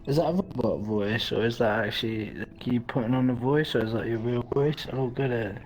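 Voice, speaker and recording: A man's voice: mid-range voice, a little fast, a little mellow, soft background music, low-quality recording. A man chatting casually while gaming, blunt, bemused and sweary. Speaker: player in a co-op game.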